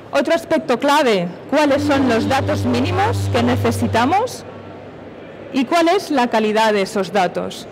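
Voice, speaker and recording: On a conference stage, filmed from a distance, a middle-aged woman with a fairly high voice presents technical points methodically, framing them with questions she poses herself. The recording is rough, with faint background noise from the event space.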